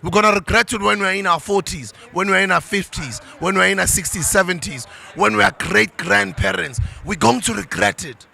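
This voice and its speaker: A middle-aged South African man delivers a passionate, preachy motivational monologue to parents, switching into isiZulu at times. His voice sits high and is gravelly and sharp, brisk with hardly any pauses.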